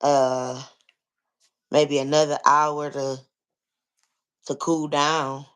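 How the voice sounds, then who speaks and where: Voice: medium pitch, little pitch movement, drawn-out words, a bit bright, clean tone. An American vlogger chatting casually with listeners, explaining things step by step and often leaning on filler phrases like "you know.". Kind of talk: casual chat, answering listeners.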